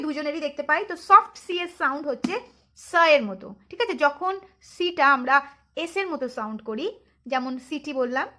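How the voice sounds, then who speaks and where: Woman teaching phonics, high voice, bright tone, sing-song, keeps checking in with learners. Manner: mixes Bengali with English words. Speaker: channel host and teacher. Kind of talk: phonics lesson for children.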